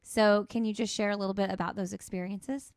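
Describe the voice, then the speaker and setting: A woman's voice: medium pitch, fairly even intonation, a little fast, dry recording, studio quality. A woman hosting a podcast, asking questions in a rambling, hesitant way. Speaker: podcast host. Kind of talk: interview questions.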